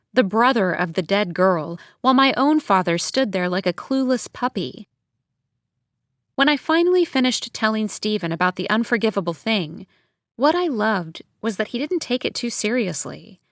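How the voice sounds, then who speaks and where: A woman narrates an audiobook in the first person, intimate and reflective. Her voice sits at an ordinary pitch. It is a dry studio recording with no room echo.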